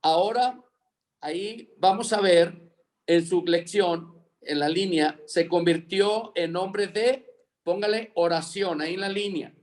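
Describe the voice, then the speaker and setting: Man, Bible teacher, high voice, unhurried, dictates fill-in words, video call. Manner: slow, repeats dictation for students to fill in.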